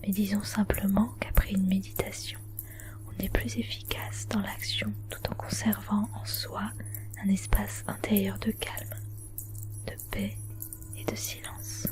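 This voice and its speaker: A woman's voice: medium pitch, little pitch movement, music in the background. Whispering woman giving ASMR wellness advice. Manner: soft breathy whispering; measured, instructional delivery with short phrases.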